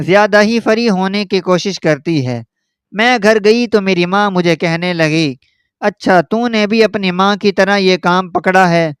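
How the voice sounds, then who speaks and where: High-voiced man narrating a story. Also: clear, resonant tone, dry recording, clean studio sound. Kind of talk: first-person story narration.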